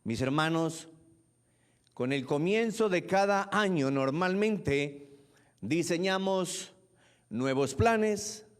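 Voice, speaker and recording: A man's voice: fairly high pitch, expressive, slow, pauses often. A man preaching a sermon as pastor, repeating key phrases and putting questions to the congregation.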